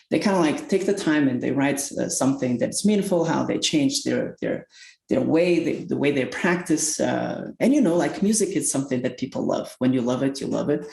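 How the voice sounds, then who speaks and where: Man, podcast guest, earnest, searching for words, gravelly, roomy echo. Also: fairly high pitch, darkish tone. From Portugal. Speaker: tech company executive guest. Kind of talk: podcast interview. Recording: roomy echoey sound.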